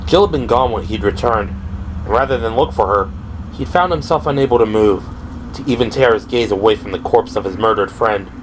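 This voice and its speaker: Here the narrator's pitch sits fairly low and his pace runs a little fast as he reads dramatic lines for a horror audio drama. Noise is clearly audible in the background, along with ambient sound effects.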